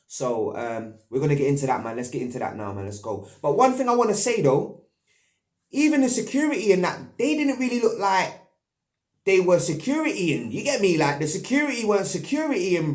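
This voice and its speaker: A young man with a London roadman accent giving casual commentary as an online host, in heavy street slang peppered with tag questions. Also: fairly high pitch. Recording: echoey, roomy sound.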